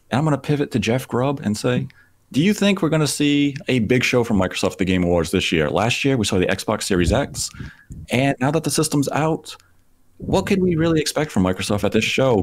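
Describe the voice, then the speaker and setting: A man with a Southern US accent hosting a podcast, talking in a polished radio-style delivery. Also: mid-range voice. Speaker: podcast host. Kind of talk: casual podcast chat.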